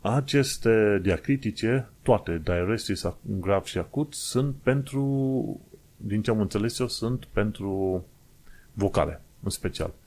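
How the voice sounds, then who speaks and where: A man from Romania talks straight to his viewers in a loose, conversational monologue. His voice sits fairly low, and he explains patiently, wandering off on small tangents and pausing to find his words. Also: darkish tone. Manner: chatty, digressive, explains step by step with hesitations.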